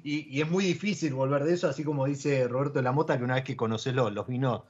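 A man's voice: mid-range voice, quick pace. Argentine guy chatting wine, stops and restarts a lot, kinda dull lo-fi sound. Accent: Argentine Spanish. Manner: hesitant, many fillers and restarts. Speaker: wine show host. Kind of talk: casual chat about wine. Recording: dull lo-fi audio.

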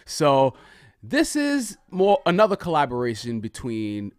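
A man's voice: mid-range voice, huge pitch swings, a little slow, darkish tone, clean tone, no room sound, clean studio sound. A man hosting a casual podcast, bantering with playful, tongue-in-cheek bravado. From Haitian background. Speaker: podcast host.

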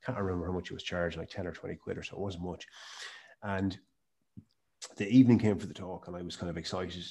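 A man's voice: low voice, fairly even intonation, quick pace, vocal fry, dark tone, breathy edge. A man with a west of Ireland accent, telling stories emphatically in a conversational interview. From County Mayo, west of Ireland. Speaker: podcast guest, health and performance speaker.

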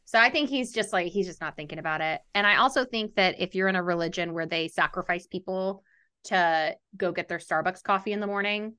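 A woman's voice: lowish voice, sharp tone, smooth. A young woman co-hosting a podcast, recapping a book in casual chat with a wry, joking manner. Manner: wry, joking, quick to laugh. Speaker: podcast co-host.

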